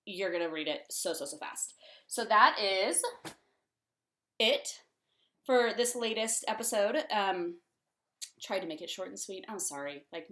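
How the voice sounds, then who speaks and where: A woman's voice: mid-range voice, fairly bright tone. A young woman chatting casually about books she has read as the host of her own vlog, filling her talk with um and like. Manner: chatty, many ums and likes. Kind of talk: casual book-review chat.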